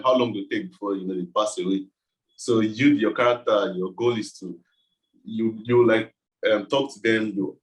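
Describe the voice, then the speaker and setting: A lowish-voiced man with a West African accent, a game developer being interviewed, explains things in a loose, informal, casual way. The recording is rough.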